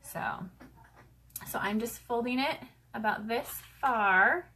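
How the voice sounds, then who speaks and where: A woman hosting a casual sewing tutorial at home, talking fast and chatty with lots of fillers. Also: fairly high pitch, pushed and bright, low-quality recording. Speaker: craft show host demonstrating sewing. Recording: clear background noise with clicks.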